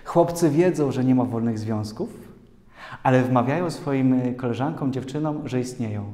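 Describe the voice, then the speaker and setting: Man, priest, lively sermon with jokes, mellow voice, long hall reverb. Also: medium pitch, normal speed. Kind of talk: sermon to a youth community. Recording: echoey hall.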